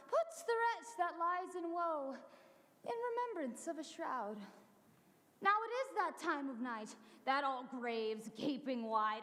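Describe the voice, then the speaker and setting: A woman's voice: sits high, long reverb tail, heavily acted. Puck, a teenage girl playing an impish fairy sprite. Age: teens. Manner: sing-song rhyming verse, lively swoops. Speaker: high school stage actor. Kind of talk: Shakespearean stage verse. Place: school theatre stage.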